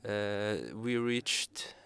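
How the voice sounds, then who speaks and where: Smooth-voiced man interpreting hesitantly. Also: on the low side, level tone, very slow, a bit bright. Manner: hesitant, piecemeal phrasing. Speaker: conference interpreter. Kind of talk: live interpretation of a conference talk.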